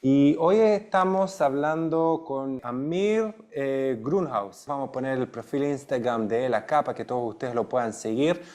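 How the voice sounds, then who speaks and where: A man hosting an interview who asks questions in a halting way and often restarts his phrases. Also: mid-range voice, a little mellow. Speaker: host, interviewer.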